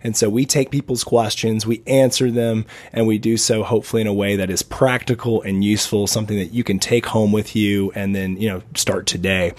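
A man with a hoarse smoker's rasp, talking casually and a little ramblingly as a podcast host. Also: on the low side, steady tone, fairly quick, hardly any pauses, darkish tone. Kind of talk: casual conversational podcast talk.

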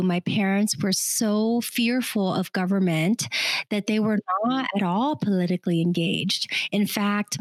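A middle-aged woman from Vietnam, co-hosting a podcast, telling a personal story in an animated way with quick asides. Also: mid-range voice, no echo. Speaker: podcast co-host. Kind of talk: casual conversation.

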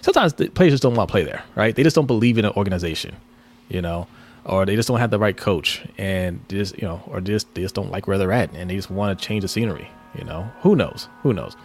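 A man co-hosting a podcast, talking basketball in a relaxed, rambling way and often repeating words. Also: sits low, quick pace. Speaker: podcast co-host. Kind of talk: casual sports podcast chat.

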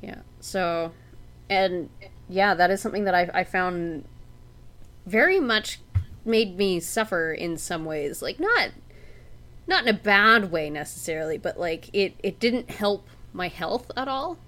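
A woman's voice: medium pitch, lively intonation, a little slow, a bit bright. A woman co-hosting a podcast in casual chat, talking with many fillers into a home mic. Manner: chatty, with many fillers and laughs. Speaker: podcast co-host.

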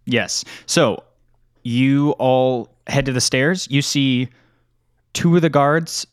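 A man narrating a tabletop game as game master, describing scenes in an unhurried way. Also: medium pitch, clean tone, no room sound, clean studio sound.

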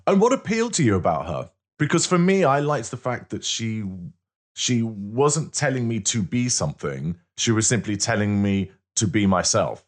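Deep-voiced male interviewer. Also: sing-song, normal speed. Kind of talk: casual conversational interview.

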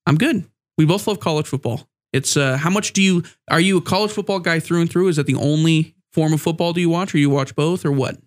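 A man with a somewhat high voice and a stuffed-up nose hosts a casual sports podcast. He sounds a bit under the weather with a sore throat and talks in a loose, rambling, conversational flow. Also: a little fast, few pauses. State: mildly sick with a sore throat. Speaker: podcast host.

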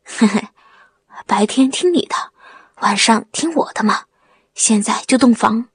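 A brash, stubborn young village man, smug and quick to bluster, read by a woman in her own high, husky voice. It's a storybook telling with a dry, close sound. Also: lively intonation, dry recording, heavily acted.

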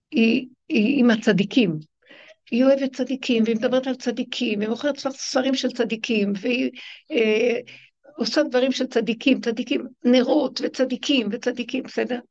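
A woman religious teacher giving a spiritual lecture to her class. She retells stories emphatically, acting out the people in them. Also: a little mellow. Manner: emphatic, acts out the people in her stories with sudden high swings. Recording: dull lo-fi recording.

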